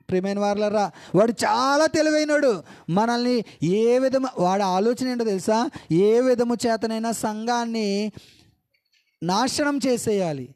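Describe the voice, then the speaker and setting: High-pitched fervent male preacher. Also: darkish tone. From India. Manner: fervent preaching with repeated hallelujahs and prayer quotes. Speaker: pastor. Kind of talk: sermon.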